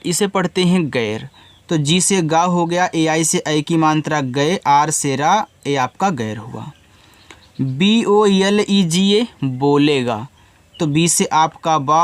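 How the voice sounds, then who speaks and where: A man with a somewhat high voice teaches reading at a very unhurried pace. He sounds out each word letter by letter, patient and methodical. The recording is close and dry, with no room sound. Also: no room sound. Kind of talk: step-by-step spelling lesson.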